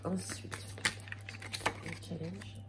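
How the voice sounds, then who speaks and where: Heavy background noise surrounds a tarot card reader whose voice sits on the low side, steady and gravelly, with drawn-out words. Slightly sick with a cold, she reads cards casually for her viewers, stumbling through fillers and restarting sentences.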